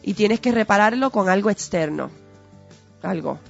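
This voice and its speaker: A woman's voice: mid-range voice, lively intonation, normal speed, creaky. An earnest woman talks as a guest, steering her points with rhetorical questions like a patient teacher. Her voice is muffled and lo-fi, and faint music sits underneath. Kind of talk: conversational explanatory talk. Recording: dull lo-fi audio with faint music.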